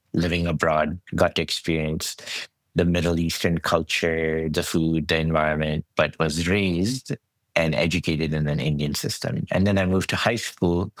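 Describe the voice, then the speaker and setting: A middle-aged man from Saudi Arabia, a podcast guest telling his story in a relaxed, conversational way with frequent restarts. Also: deep voice, no echo. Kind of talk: conversational interview.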